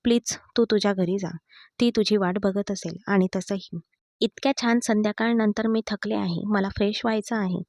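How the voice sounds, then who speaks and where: A woman's voice: medium pitch, steady tone, normal speed, no echo, studio quality, natural voice. Woman voicing a defiant hurt young wife. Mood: bitter. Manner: sharp and taunting.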